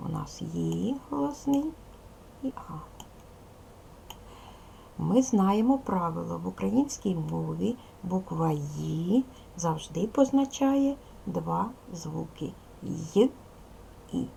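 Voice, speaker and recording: A woman primary school teacher gives a recorded lesson to small children, her voice deeply gravelly and creaky. She moves slowly and lively through the material, her pitch bouncing a lot, with a faint noise underneath. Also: poor audio. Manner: slow, careful, addressing children directly.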